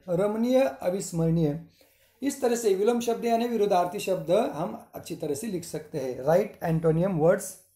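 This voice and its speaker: In a screen-recording voice-over, a school teacher delivers a Hindi grammar lesson, reading word lists aloud one at a time and adding short English glosses. The voice is medium-pitched and mellow, with a reverberant sound.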